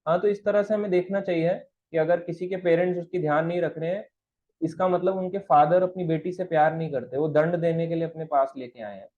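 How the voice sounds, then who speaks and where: A man leads an online devotional class, his fairly high voice pressing each point home with preachy emphasis. English words slip into his Hindi as he explains and answers viewers. The sound comes through thin and tinny, like a phone line.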